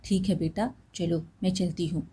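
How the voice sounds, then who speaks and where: A woman's voice: on the low side, fairly even intonation, moderate pace, dark tone, slightly rough. Woman doing a stern, bossy mother-in-law. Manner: commanding, curt.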